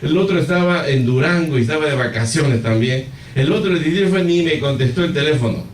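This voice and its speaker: A man's voice: on the high side, lively intonation, brisk, a little hiss or hum. A man pastor preaching a sermon, telling a story with animation and speaking straight to the congregation. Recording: echoey hall, far from the mic.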